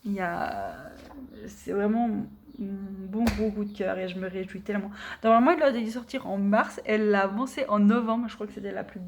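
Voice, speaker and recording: A young woman talks casually to her camera at home, enthusiastic and a little scattered. She rambles along with plenty of fillers and restarts, gushing about what she loves. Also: medium pitch. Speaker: book vlogger. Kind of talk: casual chat.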